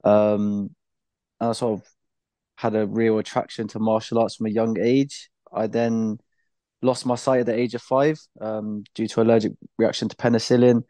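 Relaxed young British man, low mellow voice. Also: moderate pace, no echo. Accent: British English. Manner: relaxed, laughs easily, many fillers. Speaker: podcast guest, blind footballer. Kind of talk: casual interview chat.

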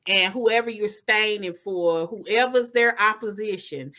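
Bright, animated woman co-host. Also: mid-range voice, unhurried. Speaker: podcast co-host. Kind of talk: casual chat.

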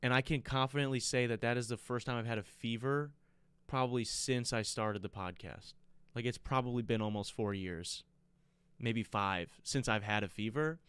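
A man's voice: medium pitch, normal speed, a bit bright, clear, resonant tone, dry recording. A man with an American accent chatting casually as a solo podcast host, rambling and repeating himself, with a congested, blocked-nose sound from being sick. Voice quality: congested, stuffy-nosed. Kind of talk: casual chat to listeners.

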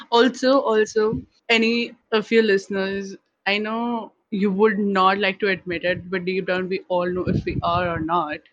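A woman's voice: medium pitch, steady tone, measured pace. A young woman co-hosting a podcast, telling a candid personal story in a casual, self-mocking way. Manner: candid, chatty, laughs at herself. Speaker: podcast co-host. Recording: dull lo-fi sound.

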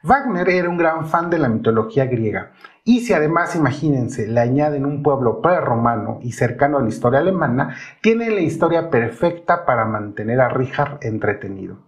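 A man's voice: mid-range voice, expressive, normal speed. A man hosting a podcast, telling an opera plot in an explanatory storytelling way, with rising emphasis on connecting words.

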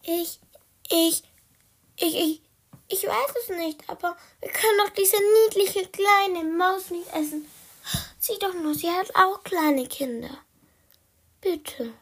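Woman doing a squeaky eager baby kitten. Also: lively intonation, moderate pace, sharp tone, full character voice. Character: small excited male baby kitten.

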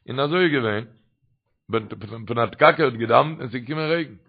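Gravelly man telling sermon stories. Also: medium pitch, a little fast. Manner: animated, rising sharply when quoting others. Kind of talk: storytelling sermon. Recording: dull lo-fi recording.

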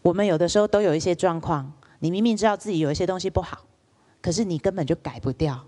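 A woman gives a public lecture with a fairly low voice. She tells stories in a lively way and keeps asking the audience questions. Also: fast talker. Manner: lively storyteller, asks the audience rhetorical questions.

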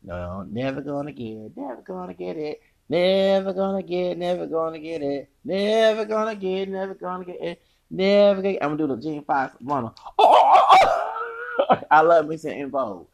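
A man hosts a solo podcast, launching into a rambling, profane rant in a high-pitched, feminine-sounding voice with big pitch swings and vocal fry at a moderate pace. He laughs often and drops in sing-song asides.

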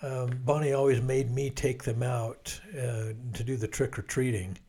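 A man's voice: medium pitch, steady tone, moderate pace, warm tone, husky. An older man, a grandfather, chatting casually with his wife, laughing often and restarting sentences. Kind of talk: casual chat.

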